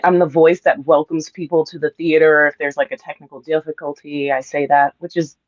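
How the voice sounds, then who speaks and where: A woman's voice: sits low, no echo, dull audio. A woman voice actress being interviewed, chatting casually, sounding nervous and giggly with lots of fillers. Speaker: voice actress guest.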